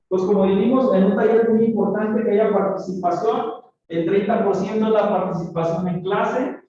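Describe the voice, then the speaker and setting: A man's voice: sits high, a little mellow. A man teaches a church oral communication class, calling his students brothers and often checking in with "¿verdad?". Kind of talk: classroom lesson with church preaching tone. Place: large echoey room. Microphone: camera far from the speaker. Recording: distant, very echoey, dull camera audio with faint noise.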